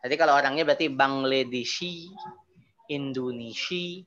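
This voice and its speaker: In a muffled recording, a man with a mid-range voice teaches Arabic in an online class at a moderate pace. He explains patiently, repeats terms, and gives each Arabic word lively emphasis.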